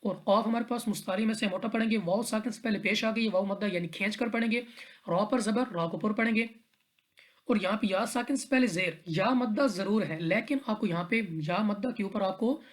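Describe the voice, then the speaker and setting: A woman gives a tajweed lesson on Quran recitation rules, working calmly through each letter step by step. She's patient, repeats the rules, and often pauses to check in with her students using "theek hai". Her voice sits at an ordinary middle pitch.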